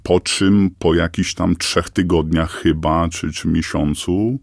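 A man with an electronically disguised voice, answering a radio interviewer haltingly with many fillers and restarts. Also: steady tone, creaky, a little mellow, no room sound, studio quality. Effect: voice disguised, pitched down. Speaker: anonymous father interviewed on radio.

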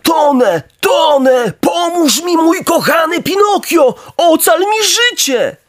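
A man voicing a male bulldog in a storybook reading, by turns shouting for help and drawing out his words. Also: very high voice, lively intonation, voice pushed up, full character voice. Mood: desperate pleading. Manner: shouting, pleading, drawn-out. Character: frantic drowning bulldog, male, later smug.

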